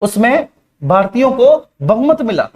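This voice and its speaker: Speaking in a very high, darkish-toned voice that is very animated, a man teaches a live online class slowly and deliberately, going over key points again and calling students "beta."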